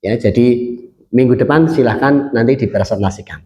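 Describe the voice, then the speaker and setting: A man's voice: mid-range voice, fairly quick, mellow, roomy sound, muffled recording. A man lecturing a university class, mixing Arabic phrases into his Indonesian and quizzing his students.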